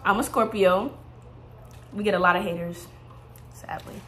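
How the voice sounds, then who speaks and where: A young woman from San Antonio, a college sophomore, chatting in a relaxed way and chiming in with her co-host. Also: mid-range voice, moderate pace, soft background music. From San Antonio, Texas. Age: young adult. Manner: relaxed, agreeable, chimes in briefly. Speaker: vlogger. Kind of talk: casual chat.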